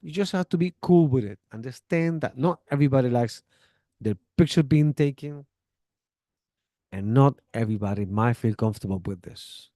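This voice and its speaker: Male English teacher, casual and chatty, warm mellow tone, mid pitch. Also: moderate pace, dry recording, clean studio sound. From Chile. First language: Spanish. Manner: chatty, relaxed, gives friendly advice with acted-out example dialogues. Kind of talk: casual spoken lesson.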